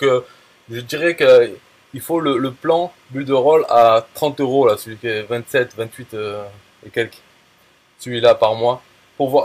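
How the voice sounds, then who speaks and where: A man talking casually and bluntly, full of fillers, restarts and crude slang. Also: medium pitch. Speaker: affiliate marketer. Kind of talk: casual talk to a viewer.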